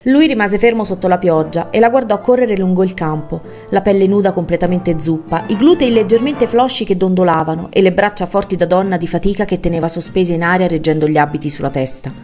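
Low-pitched woman, measured audiobook narrator, quiet music bed. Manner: measured, expressive reading. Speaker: audiobook reader.

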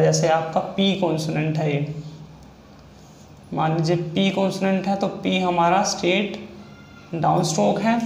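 High-voiced man teaching in an echoey room. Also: gravelly, darkish tone. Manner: repetitive step-by-step explaining. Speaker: shorthand teacher. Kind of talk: explanatory video lesson. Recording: echoey room with faint noise.

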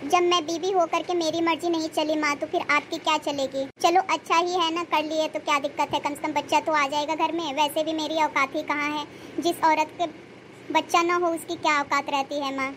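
A woman's voice: sits high, little pitch movement, normal speed, fairly bright tone, slight background noise. A woman voicing a meek, childless young wife in a cartoon story, speaking in a tearful, resigned, pleading way. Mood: sad, resigned. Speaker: cartoon character.

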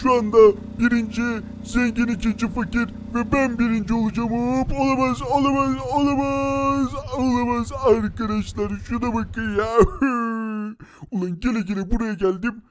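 A man voicing Nop, an excitable boy racer in a Minecraft animation, who keeps laughing and crying out in surprise. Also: very high voice, normal speed, a little hiss or hum. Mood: excited. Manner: excitable, gasps and laughs often.

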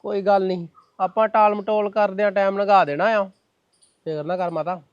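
A man's voice: high-pitched, fairly even intonation, moderate pace, clear, resonant tone, no room sound, muffled recording, close to an everyday voice. An actor playing a young son who reassures his worried mother. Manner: soothing, reassuring.

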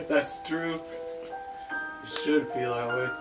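A man's voice: medium pitch, extremely slow. An exhausted young man joking crudely and swearing as a co-player in a casual game playthrough. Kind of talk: casual gameplay banter. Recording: distant mic. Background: loud game music.

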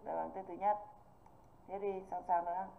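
A woman's voice: on the low side, fairly even intonation, fast, creaky, slight background noise. A woman English teacher, patiently walking students through an online exam review and often checking that they follow. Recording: tinny phone-like online call audio.

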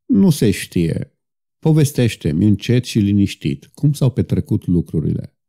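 A man voicing a solemn, patient outlaw leader who speaks calmly and persuasively in an audiobook. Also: lowish voice, gravelly, full character voice. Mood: coaxing. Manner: calm, gentle, persuasive.

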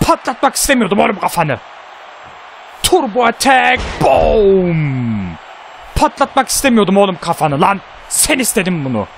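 A man hosting a gaming channel, giving excited live commentary on a wrestling match, trash-talking his opponent and shouting out pin counts. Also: sits high, normal speed, vocal fry, slight background noise.

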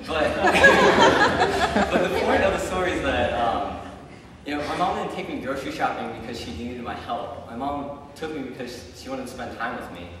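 A man's voice: medium pitch, animated, fairly quick, background noise. A young man giving a casual, chatty sermon, telling stories with frequent ums and likes. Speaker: preacher. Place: church sanctuary. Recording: echoey church hall from far off.

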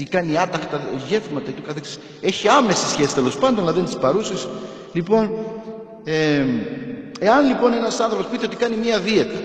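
A man, a priest, preaching a sermon in a church, emphatic and asking rhetorical questions. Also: fairly high pitch. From Greece. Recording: echoey church hall.

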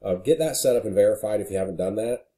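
A marketing consultant casually walks through a screen recording, sprinkling his talk with frequent "you know" fillers. His lowish, warm voice is animated and fast in this screen-share walkthrough.

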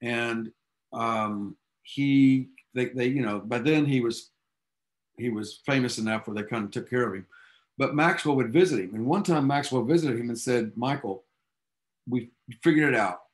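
At normal speed and medium pitch, a male physics teacher lectures his class. He narrates science history in an eager, conversational way with casual asides, in what sounds like a classroom.

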